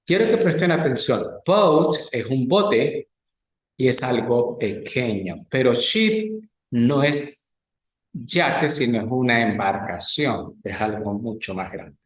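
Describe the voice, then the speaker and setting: Male teacher, mid-pitched, slow deliberate drilling of vocabulary, recorded in a roomy, echoey space. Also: lively intonation. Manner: slow, careful pronunciation drills alternating English and Spanish. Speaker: English teacher. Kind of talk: recorded lecture with slides.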